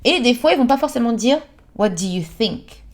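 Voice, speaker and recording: A woman's voice: a little high, animated, normal speed. A young woman from France chatting casually in a vlog, explaining British English expressions and acting out short examples in English, laughing at her own slips.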